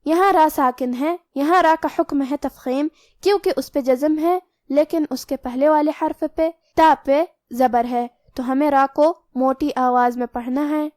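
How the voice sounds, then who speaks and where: High-voiced woman teaching Quran recitation. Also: darkish tone, no room sound, studio quality. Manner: methodical, explains each rule then recites the word slowly. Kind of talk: tajweed lesson, explaining letter rules.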